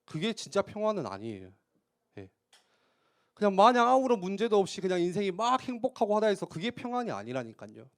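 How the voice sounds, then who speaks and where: A male youth pastor delivers a sermon in church with a somewhat high, very animated voice that rises and falls widely. He talks in a conversational way and keeps posing rhetorical questions. He breaks up his points with brisk little affirmations.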